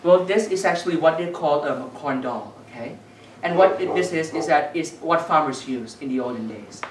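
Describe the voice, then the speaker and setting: Low-voiced woman, kids' party magician, echoey room. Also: animated, moderate pace. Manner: kids party magician, instructing and questioning the audience. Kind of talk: live magic show patter for children. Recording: echoey room, distant mic, noisy background.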